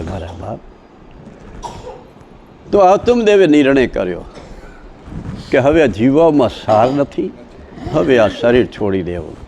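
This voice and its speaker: A man with a Saurashtra Gujarati accent telling a devotional story, swinging between loud exclamations and soft asides. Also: mid-range voice, slight background noise. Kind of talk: religious discourse with chanting. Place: outdoor village satsang gathering.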